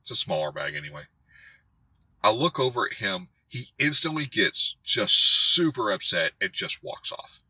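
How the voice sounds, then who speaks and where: Husky, animated man telling a story. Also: fairly low pitch, moderate pace, dry recording, rough recording. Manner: animated storytelling, acting out others' voices. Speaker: karate instructor and channel host. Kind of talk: storytelling rant to camera.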